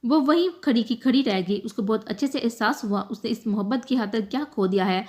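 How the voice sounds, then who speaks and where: A woman reads a romantic novel aloud, slightly high in pitch. Her narration is emotive and measured, with a steady storytelling flow. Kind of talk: scripted novel reading.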